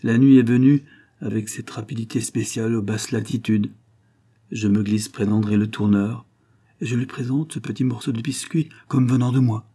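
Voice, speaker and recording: A man giving a measured, steady reading of a novel as an audiobook narrator. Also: mid-range voice. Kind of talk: scripted literary narration.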